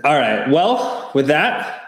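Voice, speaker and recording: A man's voice: on the high side, very animated, slow. A man co-hosting a podcast, chatting casually and plugging the channel with enthusiasm. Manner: upbeat, promotional. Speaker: podcast co-host. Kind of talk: casual chat. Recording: roomy echo.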